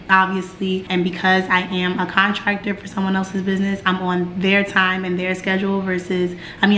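A young American woman with a hoarse, raspy smoker-like voice, chatting casually to camera in a vlog. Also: on the low side, a bit bright. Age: young adult. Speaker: vlogger. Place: bright open-plan apartment, indoors. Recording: roomy echo, clear background noise.

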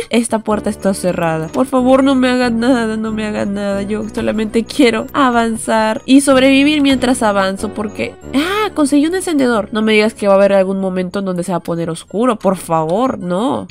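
A woman's voice: fairly high pitch, darkish tone. A young woman streaming a horror game, chatting nervously to viewers and breaking into frightened shrieks. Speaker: gaming streamer.

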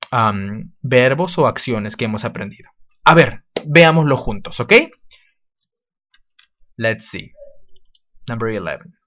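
Slow, lively-voiced man teaching English. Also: mid-range voice, dull audio. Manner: slow, drawn-out model phrases for repetition. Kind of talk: online class for children.

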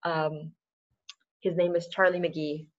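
Speaking slowly in a low, level voice, this webinar host is a woman in her forties from the Philippines who keeps her online talk casual and laughs a lot. She's in a dim room at home, and her laptop webcam mic makes the call sound a little muffled.

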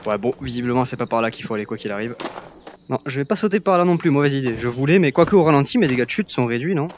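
A man's voice: medium pitch, lively intonation, rapid-fire, slight background noise. A young man giving casual, playful commentary while playing a VR game, teasing the characters he fights. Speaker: gaming YouTuber. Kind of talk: casual Let's Play commentary.

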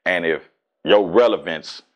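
A man in his forties from Houston with a Southern accent, talking casually and profanely as an interview guest, animated and streetwise. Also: low-pitched, measured pace, lo-fi sound. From Houston, Texas. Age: 40s. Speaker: rapper and guest.

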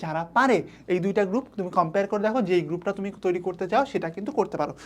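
A woman's voice: medium pitch, very fast, darkish tone. A young woman tutor giving study advice, coaxing and asking and answering her own questions. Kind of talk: online study-advice lesson.

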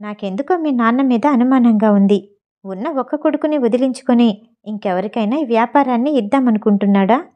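A woman's voice: on the high side, brisk, highs cut off, natural voice. A woman reading as a furious, ranting rich mother. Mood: angry. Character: furious scheming wealthy mother, middle-aged woman.

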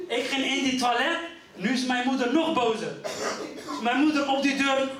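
A man's voice: very high-pitched, moderate pace, crowd noise. A middle-aged man from Rotterdam telling stand-up stories on stage, acting out the voices of his family. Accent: Rotterdam Dutch. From Netherlands. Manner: animated storytelling, acting out voices. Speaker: stand-up comedian. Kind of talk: live stand-up comedy. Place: community venue stage before an audience. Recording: roomy live hall, mic at a distance.

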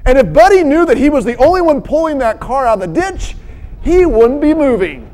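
A woman's voice: high voice, very animated, fairly quick, voice pushed up. A woman pastor voicing a plain-spoken male farmer in a story, folksy and easygoing. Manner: folksy, easygoing, shouting commands to a horse.

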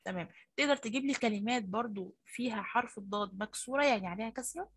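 A woman with an Egyptian Arabic accent, a primary school teacher coaxing and praising young pupils in an online class, her voice a little husky. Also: a little high, very fast, a bit bright, no room sound.

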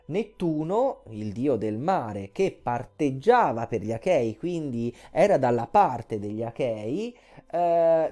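Woman teacher doing an art history lecture, low mellow voice, storytelling to the class. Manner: lively storytelling, speaks straight to students. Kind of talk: recorded lecture.

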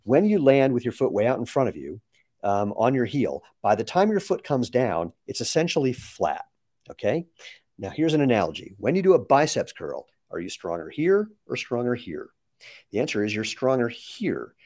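Man in his sixties, mid-pitched, chatty, explaining, dry close sound. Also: sing-song, moderate pace, a little mellow, dry recording. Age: 60s. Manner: chatty, explains with gestures and asides. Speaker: company founder answering viewer questions. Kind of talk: casual live Q&A.

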